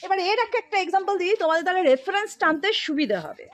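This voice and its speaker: A woman's voice: extremely high pitch, expressive, racing. A woman teacher patiently explaining vowel sounds step by step with examples. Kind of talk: classroom phonics lesson.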